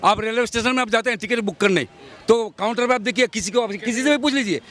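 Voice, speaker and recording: A man's voice: extremely high pitch, fast talker, a bit bright. A man in his fifties from Assam, arguing his views insistently in a street interview outdoors. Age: 50s. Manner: argumentative, insistent, lecturing.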